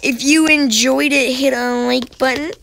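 A woman hosting a gaming channel, giving playful, excitable commentary while playing. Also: sits high, unhurried, gravelly, slight background noise. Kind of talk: casual gameplay commentary.

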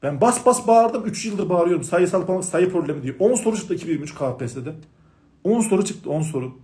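A man's voice: sits high, animated, fast talker, mellow. A man, a math teacher for exam prep, lecturing students in an emphatic, scolding way and repeating his points insistently. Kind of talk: passionate lecture-style talk to students.

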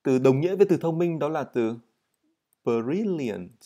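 A man teaching an English vocabulary and pronunciation lesson. He says English words slowly and clearly, then explains them quickly. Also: on the high side, expressive, dark tone, dull audio.

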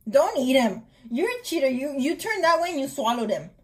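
A woman's voice: sits high, sing-song, brisk, background noise. A young woman in casual, teasing challenge-vlog chat, giggly and playful. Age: young adult. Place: small indoor room with purple light.

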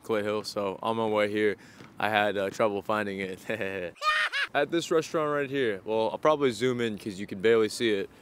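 A man's voice: medium pitch, noisy background. A man in his twenties chatting casually in a food vlog, joking and laid-back, recorded on a clip-on mic. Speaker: food vlogger. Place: outdoors on a city street, then inside a busy small restaurant. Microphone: small clip-on mic on shirt.

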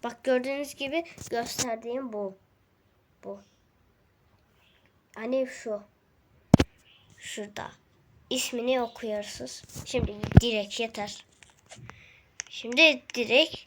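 A woman giving casual, chatty gameplay commentary and talking straight to her viewers, sometimes dropping to a hushed voice. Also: a little high, slow pace, pauses often, very noisy. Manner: chatty, excitable, addresses viewers directly; drops to a hushed voice at times. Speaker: gaming video creator.

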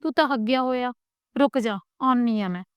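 A woman voicing a doting older village grandmother who scolds tenderly and mutters low, in a storybook reading. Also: a little fast, smooth, no echo, clean studio sound, natural voice. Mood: fussing, scolding.

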